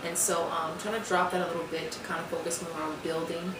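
A young woman, a fitness vlogger, chats casually about meal prep in her home kitchen, filling her talk with fillers and restarts. Her voice is lowish, level, and fast. The camera sits on the counter a few feet away, so the audio is roomy, distant, and noisy.

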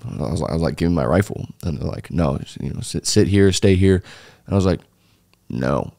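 In a small, dark podcast studio, a former foreign volunteer fighter tells a story as an interview guest, his low, gravelly voice warm and fairly quick. His casual telling rambles loosely, full of fillers and restarts. The audio is studio quality with no echo, captured on a studio mic mounted on a boom arm.

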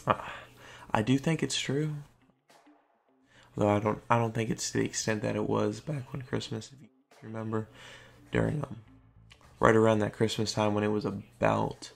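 A tired man hosting his gaming channel, talking casually in a low-key monotone over gameplay late at night and now and then tripping over his words. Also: vocal fry.

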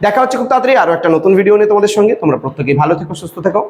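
A man's voice: high voice, expressive, very fast, roomy sound. A male teacher giving an online lecture, explaining step by step and reciting example lines in rhythm. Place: coaching class recording.

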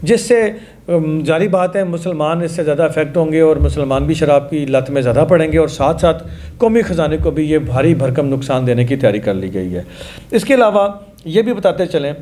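A man's voice: a little high, mellow, a little hiss or hum. A man in his forties with a Pakistani Urdu accent, giving earnest news commentary to camera in a studio, making appeals.

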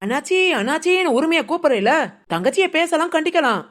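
A woman's voice: sits high, lively intonation, fast. A woman voicing a cheeky, defiant young niece who mocks her elders in a cartoon family drama. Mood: taunting. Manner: taunting, sassy.

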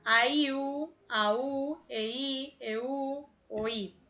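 Slow, bright-voiced woman teacher. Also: high-pitched, fairly even intonation, muffled recording. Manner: slow, patient explaining. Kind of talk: online grammar lesson for children.

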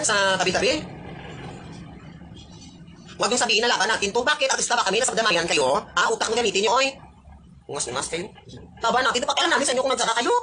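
Woman, rapid angry rant, sarcastic, scolding, clear background noise. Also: medium pitch. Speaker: netizen ranting on video. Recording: noisy background.

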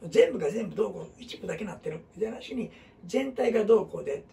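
A middle-aged man with a Kansai accent teaches in a loose, rambling way, dotting his talk with fillers and asides. His voice is high for a man, gravelly and mellow, and it swings a lot in pitch. He sounds a little distant from the microphone. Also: expressive, fast. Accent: Kansai Japanese. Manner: rambling, talks in dialect with many fillers and asides. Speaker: teacher of a group. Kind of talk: casual classroom talk.

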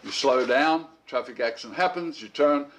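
A middle-aged man teaching an informal Bible lesson. He talks in a rambling, conversational way, often restarting his sentences and clearing his throat. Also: medium pitch, normal speed, fairly bright tone, slight background noise.

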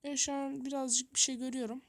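High-voiced woman narrating gameplay, flustered. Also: flat delivery, quick pace. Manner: chatty, thinks aloud and talks straight to viewers; flustered, frantic muttering to herself. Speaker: gaming youtuber. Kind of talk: live gameplay commentary.

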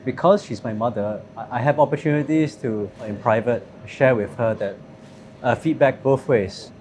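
A man in his thirties speaking in a thoughtful, measured way with fillers, interviewed at a restaurant table. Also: medium pitch, a little mellow, slight background noise. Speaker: company CEO. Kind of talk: interview conversation.

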